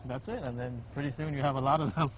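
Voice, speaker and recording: A man in his thirties, born in Vietnam and raised in Texas, answering interview questions outdoors in a halting, plainspoken way with many fillers. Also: medium pitch, steady tone, slight background noise. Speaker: interview guest. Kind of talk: casual conversation. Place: outdoors in a residential street.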